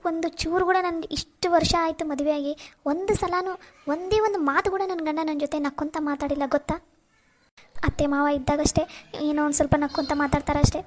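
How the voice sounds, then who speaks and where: A woman's voice: sits high, a little hiss or hum, close to an everyday voice. [name], a woman voicing a tearful young wife. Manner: sorrowful, pleading, near tears.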